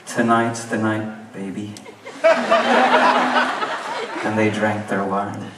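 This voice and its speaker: A man's voice: lowish voice, level tone, a little slow, very noisy. A man, a singer-songwriter rambling wryly through a story on stage between songs. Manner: rambling, wry, with laughs and profanity. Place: large concert venue. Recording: live concert, roomy and distant.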